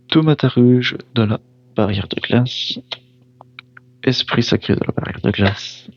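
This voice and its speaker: Opening packs of trading cards, a man reads each name aloud in a fairly low voice and reacts briefly between cards. He apologizes for mispronouncing foreign names in this casual commentary. The recording is muffled.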